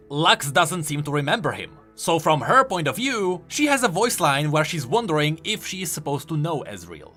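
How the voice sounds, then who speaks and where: Background music runs beneath a man's scripted voice-over explaining video game lore. He tells it dramatically and emphatically, his slightly high voice sounding bright and forceful.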